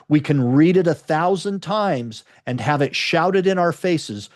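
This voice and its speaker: A man's voice: fairly high pitch, a little mellow. A man reading a self-help book aloud as host, earnest and emphatic, and breaking off for casual comments of his own.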